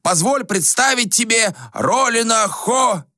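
A man's voice: very high-pitched, lively intonation, slow pace, pushed and bright, no echo, clean studio sound, pitched above the performer's own voice, exaggerated voice. A man doing a meek, mumbling old sage. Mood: fussy. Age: older. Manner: hesitant, mumbling, formal. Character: old male ascetic, fussy and meek.

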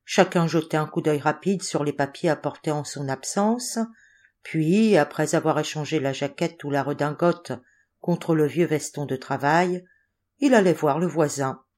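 A woman narrating a classic short story as an audiobook, in an expressive, measured way. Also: low-pitched. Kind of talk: literary audiobook reading.

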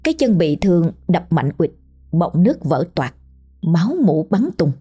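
A woman narrating a horror story in a slow, hushed, ominous manner. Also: on the low side, sing-song, slightly rough. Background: faint music.

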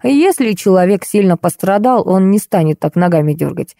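A woman's voice: on the low side, expressive, normal speed, vocal fry, dark tone, dry recording, studio quality. A woman doing a pompous bossy colonel. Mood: commanding. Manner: pompous commanding. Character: bossy self-important police colonel, middle-aged man.

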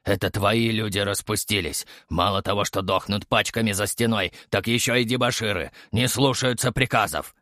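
A man's voice: on the low side, normal speed, few pauses, pushed and bright, no echo, clean studio sound. A man voicing a spiteful senior lieutenant who threatens and insults. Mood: angry. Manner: menacing, contemptuous.

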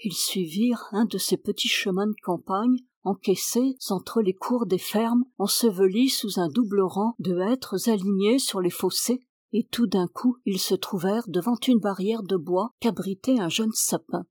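A woman reading a classic story aloud in measured, even audiobook narration. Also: mid-range voice, breathy edge, dry recording, studio quality. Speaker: reader.

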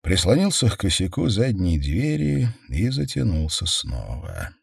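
A man narrating a horror audiobook in a measured, intense way, slowing down on key words. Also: deep voice, huge pitch swings, vocal fry, husky, no echo. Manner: measured, intense, with slowed stresses. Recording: dry close studio sound.

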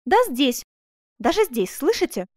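A woman voicing a jealous, tearful young woman who pleads with her master in an audiobook, speaking high and emotionally. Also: sing-song, unhurried, no echo, clean studio sound, exaggerated voice. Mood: tearful pleading.

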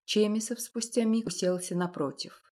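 A woman reading a historical romance novel aloud in measured scripted narration. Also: mid-range voice, fairly even intonation, a little mellow. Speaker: audiobook narrator.

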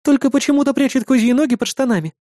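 A man's voice: very high-pitched, rapid-fire, warm tone, dry recording, studio quality, pitched above the performer's own voice. A male reader voicing a playful, teasing young tiefling woman. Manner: teasing, laughing. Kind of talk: audiobook character voice.

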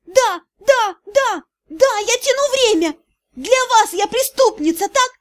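A woman reading an audiobook, voicing a desperate, proud sixteen-year-old girl in a shrill, shaky voice. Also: normal speed. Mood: hysterical.

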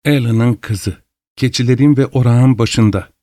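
A man's voice: medium pitch, measured pace, dark tone, no room sound, studio quality, close to an everyday voice. A man voicing a sly, grim old spinster woman who murmurs and cackles, in a storybook reading. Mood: reminiscing.

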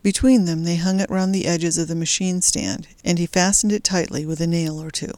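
A story narrator with a mid-range voice and a steady, even delivery. The reading sounds close and dead dry, with no room around it. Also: medium pitch, brisk, no echo. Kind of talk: audiobook narration.

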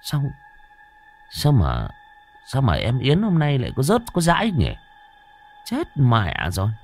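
A man's voice: mid-range voice, huge pitch swings, measured pace, vocal fry, soft background music, pitched above the performer's own voice, exaggerated voice. A man voicing a crude, drunken, boastful old village man who curses and shrieks. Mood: groggy puzzled. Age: older.

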